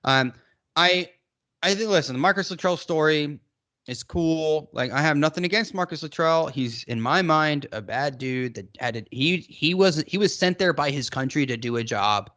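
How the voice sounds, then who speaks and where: A man's voice: a little high, animated, moderate pace, pushed and bright. Emphatic rambling man from Massachusetts. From Massachusetts, United States. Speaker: podcast co-host. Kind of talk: casual podcast discussion.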